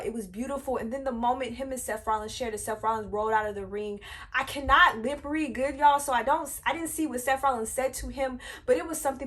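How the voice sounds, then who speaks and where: A young woman with a higher-pitched voice gushing through a wrestling recap for her channel. She talks in an animated, chatty way, keeps calling her viewers y'all, and stumbles through fillers as she goes. Recorded close on a webcam or phone mic. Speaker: wrestling review vlogger. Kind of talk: excited casual wrestling recap.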